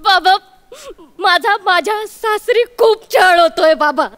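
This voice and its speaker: A woman's voice: very high voice, slow, a bit bright, full character voice. An actress playing a young married daughter who pleads with her father in a stage comedy sketch, whining as she talks. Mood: pleading. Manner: whiny and pleading.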